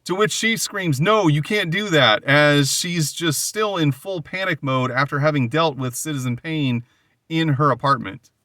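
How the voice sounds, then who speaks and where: A podcast host with a tense, forward tone and a somewhat high voice walks through a comic book issue in a casual recap. He talks conversationally and paraphrases the characters' lines. The sound is dry and close, with no room around it. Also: unhurried, sharp tone, no room sound. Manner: conversational retelling, paraphrasing dialogue loosely.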